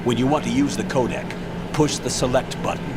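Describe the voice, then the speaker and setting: An actor playing a stern military colonel in a video game, briefing in a measured, commanding, clipped way. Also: male voice, medium pitch, fairly even intonation, very noisy, natural voice. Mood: instructing.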